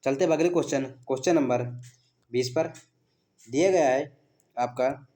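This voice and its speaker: A man's voice: medium pitch, moderate pace, dark tone. A man teaching an exam practice lesson, reading out each question and its options, then giving the answer and repeating key words as a question. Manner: quizzing, reads options then gives answers.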